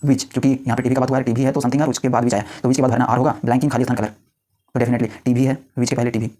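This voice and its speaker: A young man teaching English grammar, explaining rapidly and mixing Hindi with English example sentences. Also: mid-range voice, flat delivery, mellow. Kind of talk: classroom grammar lesson.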